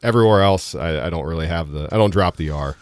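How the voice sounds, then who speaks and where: A man's voice: low-pitched, quick pace, no room sound. A young man from Rhode Island with a light Rhode Island accent, chatting casually and laughing easily as a guest on a radio show. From southern Rhode Island. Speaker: guest, baseball broadcaster. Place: radio studio.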